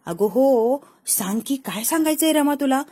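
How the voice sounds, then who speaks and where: A woman voicing an affectionate, teasing young husband, dropping her voice a little lower for him. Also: animated, normal speed, mellow. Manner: playful, romantic teasing.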